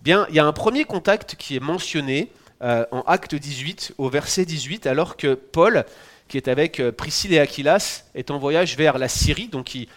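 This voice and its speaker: A man's voice: fairly high pitch, lively intonation, normal speed, a bit bright. A man in his forties from France with a French accent, giving a sermon as pastor in a conversational, teaching way with touches of humor. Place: church in Quebec.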